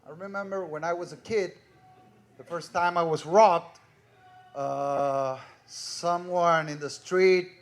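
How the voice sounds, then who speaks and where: Slow-speaking Ecuadorian man in his thirties. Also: a little high, steady tone. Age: 30s. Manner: earnest, measured, personal anecdotes. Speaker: conference speaker. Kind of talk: conference talk.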